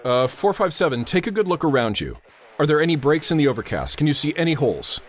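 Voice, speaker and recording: In a radio-drama style, an actor voices an airport tower controller who stays brisk and steady under pressure. His male voice sits a little high, and he sounds concerned.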